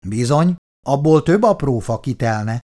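A man voicing a calm, firm older housing committee official who speaks with steady authority, in an audiobook reading. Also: on the high side, voice pushed up.

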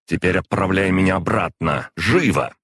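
A man reading an audiobook and voicing a furious, imperious female demoness who shouts and scolds. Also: a bass voice, moderate pace, breathy edge, no room sound, clean studio sound. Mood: commanding. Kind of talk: audiobook narration.

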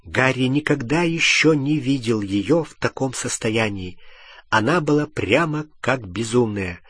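A man narrating an audiobook in an expressive, measured reading. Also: mid-range voice, husky, dry recording. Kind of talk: scripted narration.

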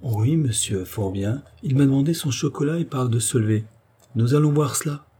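A man's voice: medium pitch, moderate pace, warm tone, husky, voice pushed up, lightly acted. A man voicing a simple, kindly maidservant who talks cheerfully and earnestly. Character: simple, kindly female servant, eager to please.

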